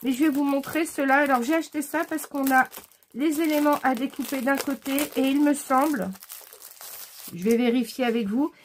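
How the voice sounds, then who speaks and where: Chatty woman with a high voice. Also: fairly bright tone. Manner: chatty and enthusiastic, with frequent "euh" hesitations. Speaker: scrapbooking vlogger showing her purchases. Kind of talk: casual haul video chat.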